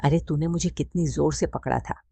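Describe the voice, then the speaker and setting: A woman voicing an affectionate, teasing middle-aged mother in a storybook reading, speaking in a soft, coaxing way. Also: low voice, steady tone, normal speed, gravelly, slightly rough, no room sound, heavily acted. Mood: tender. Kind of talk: scripted story narration.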